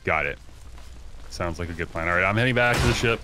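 A man's voice: low-pitched, fast talker, noisy background. A man playing a co-op survival game as a guest, giggly, puzzled and easily amused. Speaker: co-op guest player. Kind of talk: casual let's-play banter.

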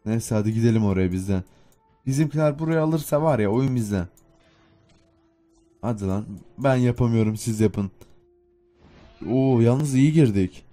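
Mellow-voiced young man commenting on gameplay. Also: medium pitch, normal speed, long pauses, soft background music. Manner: chatty, self-mocking, muttering to himself while playing. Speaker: gaming YouTuber.

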